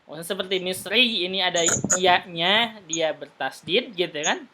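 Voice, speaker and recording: A man teaching an Arabic class, patiently explaining and repeating words slowly for his students. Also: high voice, background noise.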